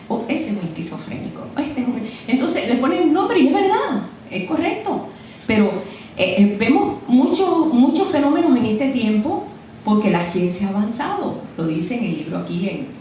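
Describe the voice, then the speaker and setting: A woman's voice: fairly high pitch, dark tone, a little hiss or hum. An older woman preaching a sermon in a chatty, storytelling way, often tossing in "eh?" to her listeners. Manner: chatty storytelling, frequent "¿eh?" asides. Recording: echoey room picked up from a distance.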